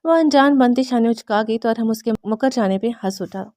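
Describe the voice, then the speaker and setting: A woman narrating a novel as an audiobook in steady storytelling. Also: fairly high pitch, no echo.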